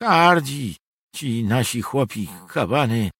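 Grumbling old castle key-keeper, impatient and gruff, acted by a man, husky storybook voice. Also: medium pitch, expressive, takes it slowly, a bit bright, no echo, pitched above the performer's own voice, exaggerated voice.

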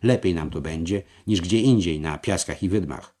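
A man's voice: deep voice, moderate pace, mellow. A man voicing a zealous, scheming crusader knight who preaches with fervour. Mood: fervent. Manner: preaching, fervent.

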